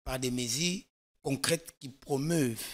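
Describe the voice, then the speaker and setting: A man's voice: medium pitch, unhurried. A man from Congo, a guest expert on a political talk show, explaining at length with emphasis and frequent restarts. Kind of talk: studio political discussion.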